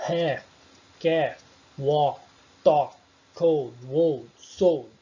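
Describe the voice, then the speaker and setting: A man's voice: on the high side, mellow, lo-fi sound. A man teaching English pronunciation in an informal online lesson who corrects his own slips as he goes.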